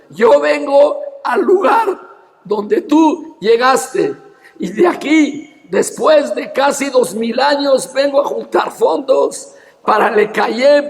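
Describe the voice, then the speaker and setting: A man preaching a fervent sermon as a rabbi, rising to shouts. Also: very high voice, lively intonation, slow pace, gravelly, big-room sound. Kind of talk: impassioned sermon.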